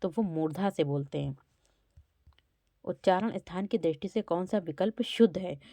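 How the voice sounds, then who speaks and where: Lady teacher doing exam prep, sounds out letters, lowish voice, dry close sound. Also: moderate pace, warm tone, dry recording. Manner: walks through quiz questions, sounding out letters.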